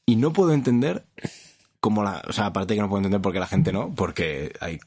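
A man in his thirties from Madrid, with a Madrid Spanish accent, co-hosts a casual comedy podcast full of crude, exaggerated jokes and crude slang. His voice is lowish, husky and dark, and he speaks briskly.

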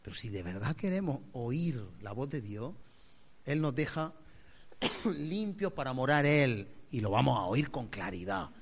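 Male pastor, mid-pitched, dramatic sermon delivery with loud and soft swings. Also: a little slow, slightly rough. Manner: expressive, acts out voices, swings loud to soft.

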